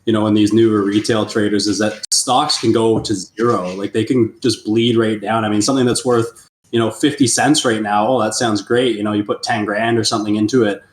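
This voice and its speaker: A man talks quickly and loosely, stacking up fillers as he chats on a finance podcast. His voice carries a roomy echo, as if he is sitting in an open room. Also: lowish voice, fairly even intonation. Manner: loose, filler-heavy talk. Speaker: podcast co-host. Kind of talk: casual chat.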